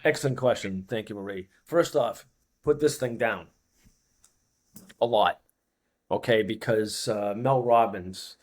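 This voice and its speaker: This fitness coach, a man in his fifties with a Boston accent, speaks a little slowly in a fairly low voice and leaves long pauses. He's a guest in a casual podcast conversation and emphasizes points by repeating phrases.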